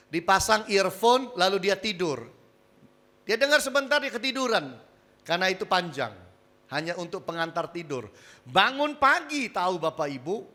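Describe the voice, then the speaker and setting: Lively, bright-voiced male preacher. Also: high-pitched. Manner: lively preacher, swings from loud emphasis to quiet asides. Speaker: pastor. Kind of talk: sermon. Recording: church hall with reverb.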